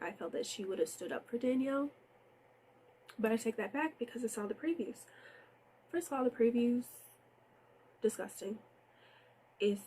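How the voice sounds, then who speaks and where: A woman's voice: mid-range voice, a little mellow, a little hiss or hum, low-quality recording. A woman hosting a casual TV recap, outspoken and exasperated, with a nasal, stuffy voice and sniffles. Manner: outspoken, exasperated, talks straight to viewers. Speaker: TV recap host.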